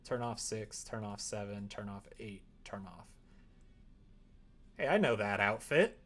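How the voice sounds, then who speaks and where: A man with a lowish, fairly bright voice speaks in an animated but slightly slow way. He chats casually as a streamer, rambling and thinking aloud while working through a tutorial on a livestream. The recording is clear apart from background noise and keyboard typing.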